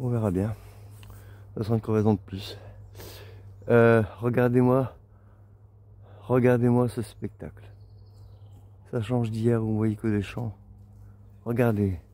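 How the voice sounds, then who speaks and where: A man's voice: medium pitch, dark tone, no echo. A middle-aged man chatting casually to his camera as he walks through open countryside, rambling and easily amazed by what he sees. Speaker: walking pilgrim vlogger. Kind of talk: casual vlog narration while walking.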